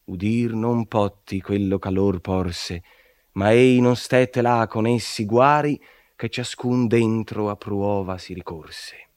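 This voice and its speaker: Slow, low-voiced man reciting epic verse. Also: darkish tone, no room sound. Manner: slow, declamatory, rising in intensity. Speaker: reader. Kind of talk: dramatic recitation of epic poetry.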